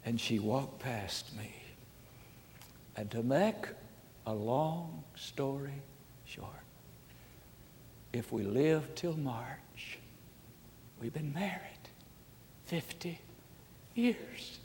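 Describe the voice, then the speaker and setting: Older preacher in a reverberant hall. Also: male voice, medium pitch, animated, drawn-out words, pauses often, a little hiss or hum. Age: 70s. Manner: folksy storytelling, swings from hushed asides to loud shouts. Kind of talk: sermon.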